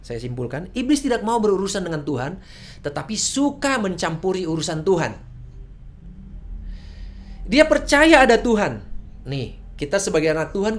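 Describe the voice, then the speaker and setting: A woman preaching a sermon in a church service, casual and conversational, often asking rhetorical questions. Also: on the low side.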